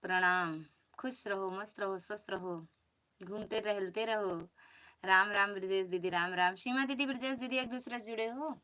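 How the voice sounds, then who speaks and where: Chatty bright-voiced Awadhi woman livestreaming. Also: medium pitch, steady tone, normal speed. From Uttar Pradesh, India. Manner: chatty, teasing, repeats greetings to each viewer. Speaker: live stream host. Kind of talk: casual live chat greeting viewers. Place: home.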